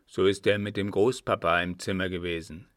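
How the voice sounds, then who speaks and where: A man's voice: deep voice, fairly even intonation, brisk, no room sound, studio quality, natural voice. A man voicing a worried old coachman. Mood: questioning. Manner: anxious, hushed, cautious.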